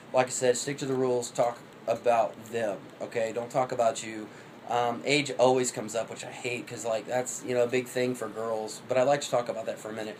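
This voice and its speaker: A man's voice: mid-range voice, darkish tone, slight background noise, rough recording. A man in his thirties giving rambling, profane dating advice in a cocky, offhand way. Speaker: vlogger.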